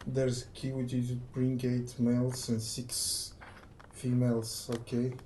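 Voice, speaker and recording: Gaming host, man, low-key let's play commentary, flat delivery, roomy echo. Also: slow, slight background noise.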